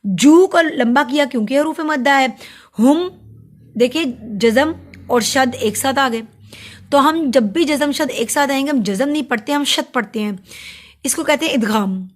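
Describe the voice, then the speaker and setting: A woman teaching Quran recitation rules, explaining each letter and drawing out the words slowly. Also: high-pitched. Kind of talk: tajweed lesson with recitation.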